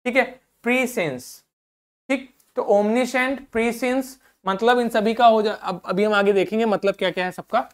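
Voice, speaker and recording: A man's voice: high-pitched, fairly even intonation, normal speed. A male teacher leads a classroom-style pronunciation drill, switching between English and Hindi. He splits each word into syllables and repeats it several times over. He keeps checking in with short "okay?" prompts to the class. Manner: peppers speech with "theek hai" checks to the class. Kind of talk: classroom lesson for school students.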